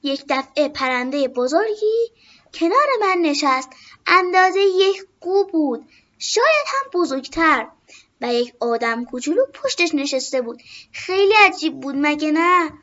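A woman narrating a children's story in a gentle, measured way. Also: high-pitched, very animated. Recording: dull lo-fi recording.

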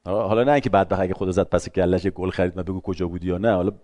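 A middle-aged man giving a lively talk to an audience, acting out short everyday dialogues in shifting voices. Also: sits low, dry recording. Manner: acts out little dialogues in changing voices.

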